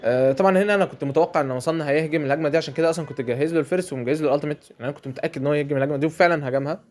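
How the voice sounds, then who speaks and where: A man's voice: a little high, racing, a little mellow. A man with an Egyptian Arabic accent giving chatty commentary over a mobile game match, often repeating his phrases. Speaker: gameplay commentator.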